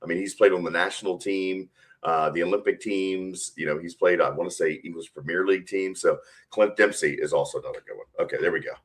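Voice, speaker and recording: A man's voice: sits low, fairly even intonation, quick pace. A man who works as a stadium announcer, answering interview questions in a chatty way and laughing often. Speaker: stadium public address announcer, guest.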